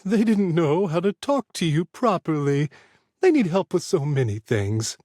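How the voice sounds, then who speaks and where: A man's voice: on the high side, very animated, a little slow, warm tone, no room sound, studio quality, pitched above the performer's own voice. A man voicing a mischievous, meddling old woman in an audiobook, chatty and talking right over others. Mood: teasing.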